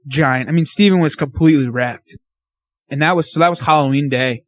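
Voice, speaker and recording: A man guesting on a podcast, excitedly telling a casual story full of fillers and slang. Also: on the high side, a little fast, no room sound.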